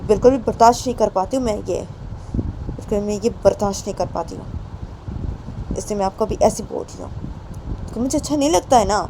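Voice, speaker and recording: A woman's voice: medium pitch, moderate pace, pauses often, noisy background, pitched above the performer's own voice, close to an everyday voice. A woman voicing a young woman who pleads emotionally with her partner, repeating herself with rising insistence. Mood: upset pleading.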